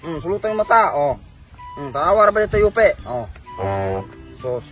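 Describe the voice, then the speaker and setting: A man dealing a card game, briskly calling numbers and bets. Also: high-pitched, animated, a bit bright, soft background music. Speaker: card dealer.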